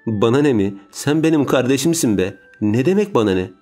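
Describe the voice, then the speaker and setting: A man's voice: fairly low pitch, expressive, fast talker, a little mellow, soft background music, natural voice. A man voicing a stern, protective young man in an audiobook, speaking firmly. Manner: stern, firm.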